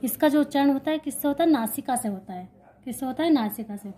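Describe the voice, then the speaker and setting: A woman's voice: high-pitched, lively intonation, fast talker, warm tone. A woman teaching an exam-prep grammar lesson, explaining while writing and repeating key points, asking questions and answering them herself.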